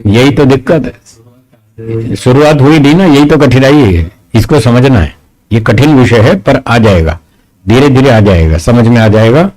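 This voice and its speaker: A man's voice: mid-range voice, animated, unhurried, darkish tone, poor audio. A man, a spiritual teacher answering audience questions, explaining step by step with rhetorical questions and firm corrections.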